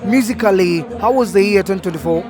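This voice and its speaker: A man's voice: sits high, quick pace. A man hosting a live radio interview at an outdoor event, a hype presenter full of enthusiastic interjections. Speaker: radio host. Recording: crowd noise behind the voice.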